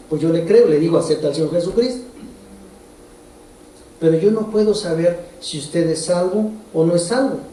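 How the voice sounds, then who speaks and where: A man's voice: sits high, warm tone, a little hiss or hum. Man preaching in an echoey church. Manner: conversational, asks the congregation direct questions. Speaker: pastor. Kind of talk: sermon. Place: church hall. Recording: roomy echo from far off.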